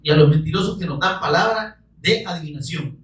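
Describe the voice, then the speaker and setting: A man delivers a fervent sermon, swinging into shouts and pressing his listeners with questions. He sounds set back from the microphone. The room rings with echo around him. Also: a little high, animated, a little fast, distant mic. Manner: fervent, bursts into shouting, pleads with rhetorical questions. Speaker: preacher. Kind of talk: evangelical sermon.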